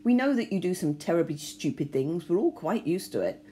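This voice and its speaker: A bold, bossy upper-class schoolgirl, sharp and exasperated, her voice pitched high, as a woman reading a storybook puts her on. Her lines jump around in pitch, with a soft, mellow tone underneath. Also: very animated, fairly quick, slight background noise.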